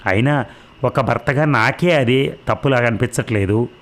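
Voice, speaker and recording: A man's voice: mid-range voice, normal speed, close to an everyday voice. A man voicing a level-headed grown son in a read-aloud novel, arguing in a reasonable, mildly incredulous way. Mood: reasoning.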